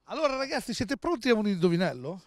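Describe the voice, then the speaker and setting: Festival roving host, man, gravelly high voice, quips nonstop. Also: big pitch swings, fast talker, no echo, clean studio sound. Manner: joking, tells dirty jokes, teasing. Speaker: roving street-festival presenter. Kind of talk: jokey festival vox-pop chat. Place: outdoor town festival.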